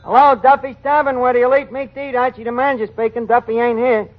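A high-pitched male voice plays a slangy New tavern manager in 1940s radio comedy, speaking fast in a level tone. The scheming, streetwise blusterer is chatty and wisecracking, ungrammatical, mock-important, and prone to malapropisms, all on a dull old 1940s radio recording.

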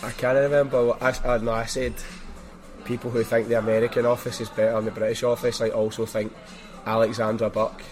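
A man's voice: mid-range voice, flat delivery, brisk, a little mellow, faint music behind. A man with a strong Glaswegian Scottish accent hosting a podcast, telling stories in a casual, colloquial way with opinions of his own. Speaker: podcast host. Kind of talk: casual anecdotal chat.

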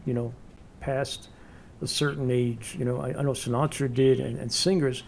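A man's voice: mid-range voice, fairly even intonation, moderate pace, creaky, a little hiss or hum. A man in his sixties hosting a casual interview, chatty and rambling with many fillers. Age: 60s. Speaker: interview host.

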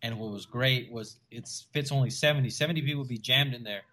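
A man from the Rio Grande Valley of Texas talks as a stand-up comedian guest in a relaxed interview. He tells stories in an animated way and slips into the voices of the people he quotes. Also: medium pitch, fast talker. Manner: animated storyteller who acts out quoted voices. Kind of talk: casual storytelling interview.

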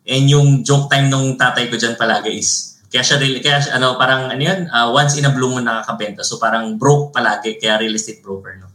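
A man with a Filipino accent, a podcast guest who tells lively stories and keeps tagging his phrases with a questioning "no?". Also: mid-range voice, fairly quick, hardly any pauses. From Philippines. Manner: animated storyteller, mixes Tagalog and English, tags phrases with "no?". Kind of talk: casual interview storytelling. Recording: roomy echo.

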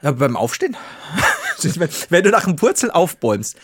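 A man's voice: on the high side, very animated, normal speed, husky. A man co-hosting a podcast, explaining things casually and laughing often. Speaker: podcast co-host. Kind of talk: casual chat.

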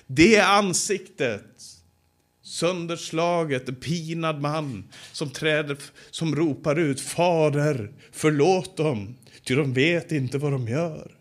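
Emphatic preaching man, loud then hushed. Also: fairly high pitch. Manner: emphatic preaching that swings between loud stress and slow, hushed passages; repeats key phrases for effect. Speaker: Bible teacher. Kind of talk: sermon. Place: Bible conference gathering.

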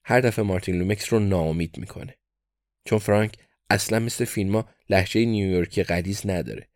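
A man narrating a story in a dry, deadpan storytelling manner. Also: fairly low pitch, dry recording. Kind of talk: scripted audiobook narration.

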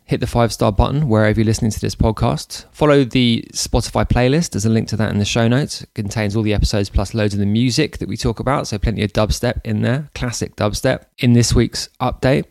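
A man hosting a podcast, talking in a relaxed, rambling way with many fillers. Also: fairly low pitch, fast talker, vocal fry, few pauses, no room sound, clean studio sound. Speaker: podcast host. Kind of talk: casual podcast chat.

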